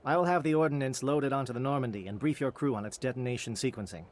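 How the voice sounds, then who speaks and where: An actor voicing a calm, grave alien captain in video game dialogue, precise and matter-of-fact. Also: male voice, medium pitch, fast, a little hiss or hum, lightly acted. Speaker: Salarian captain planning an assault.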